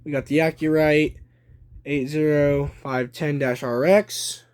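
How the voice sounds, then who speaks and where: This young hobby collector has a higher voice with a steady tone and talks slowly as he narrates a casual show-and-tell video from a small room at home. He records on a handheld phone from behind the camera, so the footage is noisy and full of clicks.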